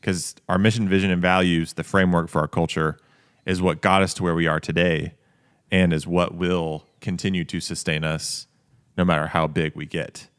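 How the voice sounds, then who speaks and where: A man co-hosting a casual business podcast, talking in a reflective, measured way and coming back to the same key phrases. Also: sits low, flat delivery, fairly bright tone, clear, resonant tone. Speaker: coffee company co-owner, podcast host.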